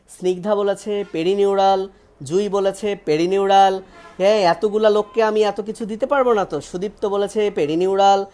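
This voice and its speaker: Lively teasing woman teacher. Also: medium pitch. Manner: lively, teasing, mixes English words in. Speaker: biology teacher. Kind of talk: live online lesson.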